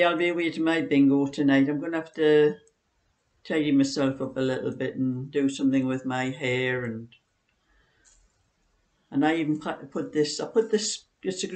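A woman's voice: deep voice, warm tone. A woman, chatting casually in a rambling, anecdotal way in her living room. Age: 60s. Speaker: knitting vlogger. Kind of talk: casual chat. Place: living room, seated on a sofa indoors.

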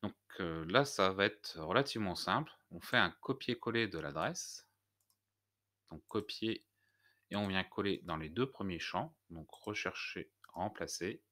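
Low-voiced man guiding a screencast tutorial. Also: expressive, a little slow, bright, forceful tone. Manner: hesitant, many "heu" fillers, step-by-step explaining. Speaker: WordPress tutorial host.

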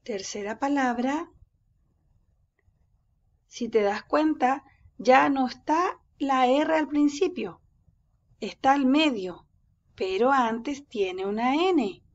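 A woman teacher giving a reading lesson to young children, speaking slowly and patiently and stretching words out syllable by syllable. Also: high voice, muffled recording. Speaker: first-grade teacher.

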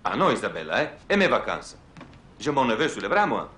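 Un acteur jouant un expert en assurance ironique et agacé, au ton taquin, dans une série télé. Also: male voice, mid-range voice, sing-song, fairly quick, a bit bright. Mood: dry. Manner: exasperated, bantering. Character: wry middle-aged male insurance investigator. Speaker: insurance expert. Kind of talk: 1980s TV series acting.

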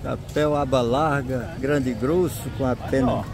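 A man's voice: medium pitch, steady tone, a little slow, creaky, loud music behind the voice. A man with a Pernambuco accent from Brazil's Northeast gives casual running commentary at a street market, greeting passers-by and repeating short exclamations. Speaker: vlogger filming a street market. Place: outdoors in an open-air street market. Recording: outdoor street market with busy crowd and traffic.

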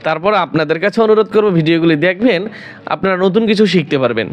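A man's voice: on the high side, animated, quick pace. A man with a Bangladeshi Bengali accent giving a spoken Quran lesson, patiently repeating letter sounds for learners. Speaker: Quran teacher.

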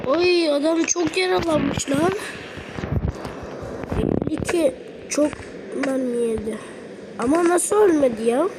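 A woman commenting on a game in casual, excitable chat, her voice worn from being sick. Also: sits high, slow pace, long pauses, very noisy. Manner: excitable, swearing, frequent exclamations. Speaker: gamer.

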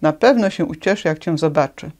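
A woman's voice: deep voice, a little fast. Woman reading as a cheerful little red-hooded girl. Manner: warm, inviting.

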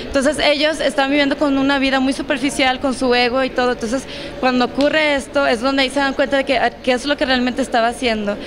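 A woman's voice: high-pitched, level tone, a little fast. A young woman from Mexico, an actress and series creator, speaking earnestly and reflectively with fillers into a handheld mic at a press event. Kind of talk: press interview. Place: event press wall, indoors. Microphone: handheld reporter mic. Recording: crowd chatter behind.

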